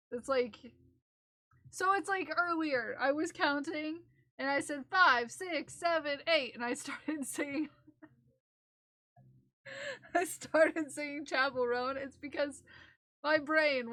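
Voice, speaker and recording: A young woman with a high, slightly bright voice chats casually on a livestream while knitting for charity, recorded without echo. She rambles, giggles a lot and breaks into playful snatches of song.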